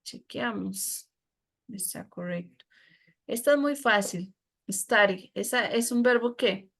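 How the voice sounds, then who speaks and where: A woman's voice: mid-range voice, takes it slowly, gravelly, a bit bright. A woman teacher with a Costa Rican Spanish accent, explaining a lesson patiently to her students. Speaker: English teacher.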